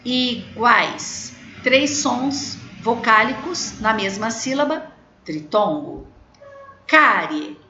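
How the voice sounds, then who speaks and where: Brazilian woman teacher, slow and patient with kids, bright voice, echoey lo-fi room. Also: fairly high pitch, lively intonation, a little hiss or hum. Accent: Brazilian Portuguese. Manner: slow, patient, spells out words to children. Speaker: primary school teacher. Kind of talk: video lesson correcting exercises. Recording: echoey room, dull lo-fi sound.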